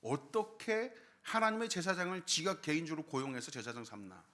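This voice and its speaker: A man's voice: a little high, big pitch swings, brisk, pushed and bright. A man preaching a Sunday sermon as pastor, asking the congregation questions and letting his voice climb and fall hard. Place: church sanctuary.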